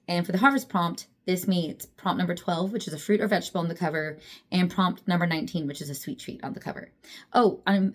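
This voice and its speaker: Young woman book vlogger, low-ish voice, rambly and self-deprecating. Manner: chatty, self-deprecating, laughs often. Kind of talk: casual chat.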